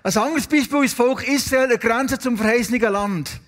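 Swiss german guy preaching, pretty high voice, asks the crowd stuff, big echoey hall. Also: fairly quick, fairly bright tone. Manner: storytelling, asks the congregation questions. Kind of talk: sermon. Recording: long hall reverb.

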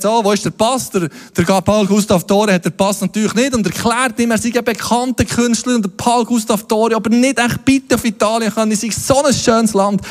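Man preaching, high voice, lively storytelling, long hall echo. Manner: lively storytelling with playful asides. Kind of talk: sermon. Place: church hall.

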